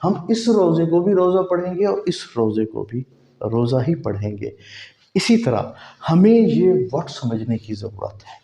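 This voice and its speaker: A man's voice: on the high side, sing-song, measured pace, creaky, mellow, echoey room, lo-fi sound. A man with a Pakistani Urdu accent teaching an English lesson, asking his own questions and then answering them, and spelling letters out one by one. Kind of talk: spoken language lesson.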